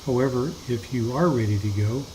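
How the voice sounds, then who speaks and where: A man giving measured, methodical and formal scripted instruction as a flight simulator teacher. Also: medium pitch, warm tone, slight background noise, low-quality recording.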